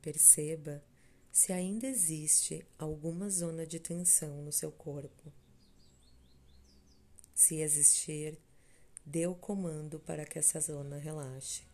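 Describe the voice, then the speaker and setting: A Brazilian woman's low, mellow voice guides a meditation against background music. She talks slowly and calmly in short, measured phrases broken by long pauses, keeping her intonation fairly even.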